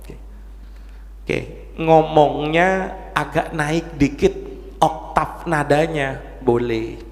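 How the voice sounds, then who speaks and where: Man, Ramadan sermon, conversational, gravelly, reverberant hall. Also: mid-range voice. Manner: conversational, addresses men in the congregation, acts out quoted dialogue. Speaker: Islamic preacher. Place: mosque hall.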